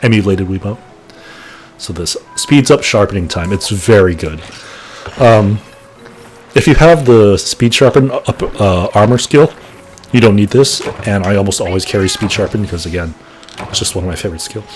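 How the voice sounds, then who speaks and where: Animated and at a moderate pace, a man in his late thirties with a fairly low voice offers casual commentary as he plays a game for his channel. Slight background noise is present, and he wanders off track while correcting himself along the way.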